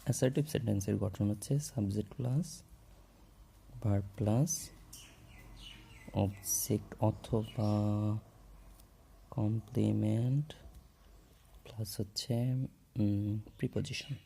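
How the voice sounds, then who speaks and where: A man's voice: on the low side, steady tone, slow pace, vocal fry, pauses often, warm tone, a little hiss or hum. A man explaining English grammar in a casual classroom way, mixing in English terms and checking in with "okay?" often while he writes. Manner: writes on a board while talking.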